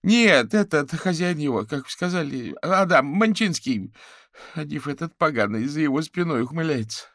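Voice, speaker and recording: A man voicing a panicking police sorcerer who wails and stammers in a shrill, loud voice. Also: expressive, normal speed, no echo, clean studio sound. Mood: hysterical, wailing. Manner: wailing, stammering, hysterical.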